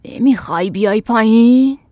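A woman's voice: medium pitch, vocal fry, a little mellow, soft background music, lightly acted. A woman voicing a cruel, menacing husband in a storybook reading, speaking coldly and threateningly. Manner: threatening, cold. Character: cruel menacing husband, grown man, villain.

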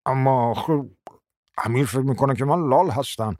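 A man voicing a meek, dim-witted middle-aged husband who asks timid, halting questions in an audiobook reading. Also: medium pitch, a little mellow, no room sound, clean studio sound, natural voice. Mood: hesitant.

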